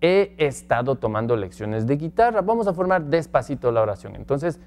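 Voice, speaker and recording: Male English teacher, grammar lesson, lively pitch swings, slowly drawn-out example phrases, quizzing the class. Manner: asks the class questions. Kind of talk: slide-based grammar lesson.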